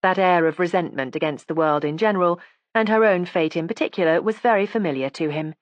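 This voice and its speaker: A woman narrating a classic mystery audiobook in a measured, even storytelling manner. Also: lowish voice, dry recording, highs cut off. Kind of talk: scripted narration.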